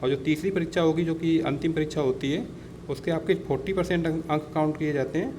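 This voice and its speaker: A man with a slightly high, steady, mellow voice talks at a quick pace on a rough recording with clear background noise. He's an exam-prep instructor giving a casual explainer lesson, repeating himself, calling his listeners friends and slipping in English words.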